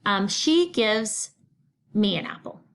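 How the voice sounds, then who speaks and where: A woman's voice: mid-range voice, sing-song, takes it slowly, creaky, fairly bright tone. Patient woman teaching a Spanish lesson. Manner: patient, explaining step by step. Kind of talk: recorded remote class lesson.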